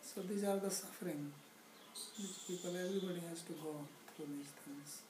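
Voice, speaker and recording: A middle-aged spiritual teacher with a high-sitting voice leads a scripture class from a sofa in a living room, speaking slowly and deliberately with wry humor and recited Sanskrit verses. A camera across the room captures him, and the audio is echoey with background noise.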